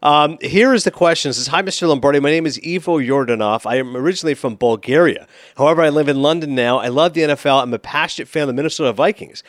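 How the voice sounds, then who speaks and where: A man's voice: on the high side, fast talker, few pauses, no echo, studio quality. A man co-hosting a football podcast, upbeat, reading listener mail in casual sports talk. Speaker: co-host.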